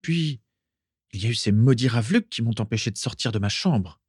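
A man reading a storybook and voicing a furious adult woman who shrieks accusations in a very high voice. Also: expressive, fairly quick, breathy edge, no echo, studio quality. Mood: muttering. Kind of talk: audiobook reading.

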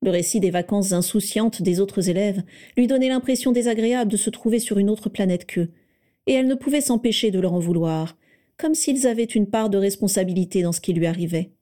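A woman reading a story aloud in a measured, even narration. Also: mid-range voice. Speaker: reader.

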